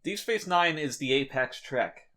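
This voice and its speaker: A man's voice: medium pitch, animated, a little slow, pushed and bright. A man hosting a podcast in casual chat, joking and irreverent and swearing freely. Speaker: podcast host.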